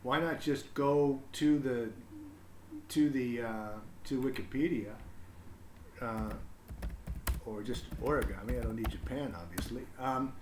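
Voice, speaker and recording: Pausing often at a measured pace, a man with a mid-range, slightly mellow voice explains things in a rambling, think-aloud way on his children's reading livestream. The room echoes, with a bit of background noise.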